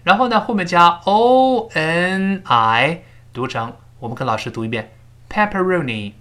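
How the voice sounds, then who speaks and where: Lively, bright-voiced male English teacher. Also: sits high. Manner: drills phrases slowly, repeats for students; explains sounds step by step. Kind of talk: recorded pronunciation lesson.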